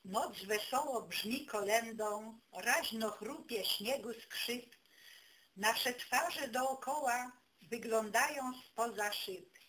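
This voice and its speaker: A woman giving a folk poetry recital, declaiming rhymed festive verse in measured phrases with pauses between them. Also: fairly high pitch, fairly bright tone. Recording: clearly noisy amateur recording.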